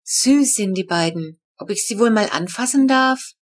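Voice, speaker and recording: Woman reading as a timid older neighbor lady, quiet and halting, slow storybook delivery, mid-pitched voice, grateful and gentle. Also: expressive, close to an everyday voice. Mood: shy, grateful.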